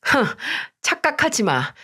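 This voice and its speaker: A woman's voice: on the high side, big pitch swings, measured pace, sharp tone, husky, heavily acted. A woman voicing an angry older mother-in-law who sternly scolds her daughter-in-law in a radio story drama. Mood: stern scolding.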